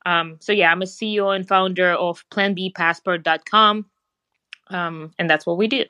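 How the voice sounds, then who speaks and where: Russian lady on a podcast, kinda low voice, businesslike, dry sound. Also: fairly even intonation, normal speed, pushed and bright, no room sound. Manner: explanatory, businesslike, some grammar slips. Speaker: guest, passport business founder. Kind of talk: conversational podcast interview.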